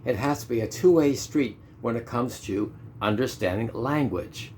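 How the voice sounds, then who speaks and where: A Canadian ESL teacher in his fifties delivers an instructional monologue on teaching, repeating and stressing his main points and posing rhetorical questions. His voice is medium-pitched and darkish at a normal speed, with a little hiss or hum in the recording.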